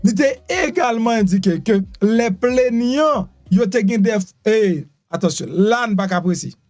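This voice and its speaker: A Haitian man with a Haitian accent giving animated immigration news commentary, repeating himself and asking rhetorical questions. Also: sits high, measured pace, no echo, soft background music. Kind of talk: news commentary mixing Creole, French and English.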